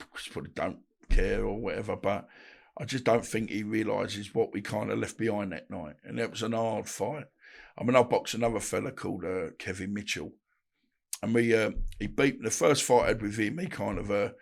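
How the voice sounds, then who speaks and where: A middle-aged man, a guest telling stories from his boxing days in a halting, rambling way, full of restarts. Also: fairly low pitch, creaky. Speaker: guest, ex-boxer. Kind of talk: casual interview chat.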